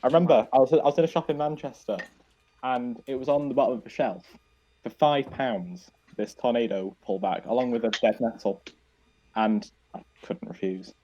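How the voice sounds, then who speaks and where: A man's voice: mid-range voice, normal speed, warm tone, muffled recording. Chatty man describing his robot build. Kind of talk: casual commentary while working.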